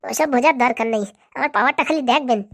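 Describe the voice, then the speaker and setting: In amateur cartoon voice acting, a woman with a high-pitched, racing voice and no echo plays a female power broker. The character is bossy, boastful, and scheming, sounding brash and commanding.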